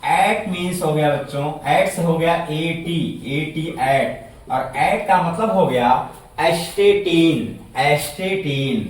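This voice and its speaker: A man teaching a chemistry lesson to students, speaking slowly, repeating words, spelling them out letter by letter and answering his own questions. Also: on the high side, far from the mic. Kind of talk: classroom lecture. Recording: echoey room, voice set back from the mic.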